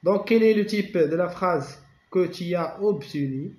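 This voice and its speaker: A man with a Moroccan accent teaching a French grammar lesson, reading French slowly and explaining it quickly in Moroccan Arabic. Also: high-pitched, a little mellow. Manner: slow dictation-like French, rapid Darija explanations. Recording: echoey room.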